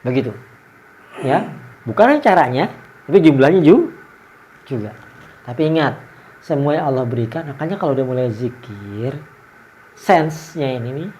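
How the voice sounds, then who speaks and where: A man's voice: mid-range voice, a little mellow, slight background noise, rough recording. A man preaching a casual sermon, leading chanted dhikr and asking the crowd "right?" again and again. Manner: chatty, keeps asking "ya nggak?".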